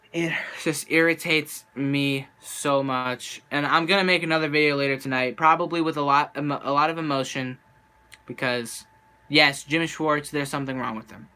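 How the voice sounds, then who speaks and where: A man's voice: fairly high pitch, bright, forceful tone, clear, resonant tone. A young man venting as a sports fan on a live stream, frustrated and rambling, with a voice worn from talking for nearly an hour. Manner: frustrated, rambling, restarts often. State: losing his voice. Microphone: handheld camera.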